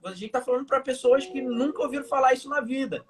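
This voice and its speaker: A man's voice: extremely high pitch, fast, a little hiss or hum. A young man with a Manaus Brazilian accent, a hypnotherapist guest telling everyday stories to explain his point in a casual live chat over a video call. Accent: Manaus Brazilian Portuguese. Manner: storytelling with everyday examples.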